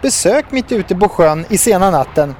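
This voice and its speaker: A man's voice: sits high, expressive, a little mellow, slight background noise, pitched above the performer's own voice. A man doing a friendly old fisherman. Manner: hearty, hesitant.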